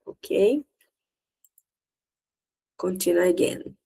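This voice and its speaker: A woman's voice: lowish voice, animated, extremely slow, gravelly, mellow, husky, rough recording. A woman with a Brazilian Portuguese accent teaching English in a recorded lesson, explaining step by step and often checking that students follow.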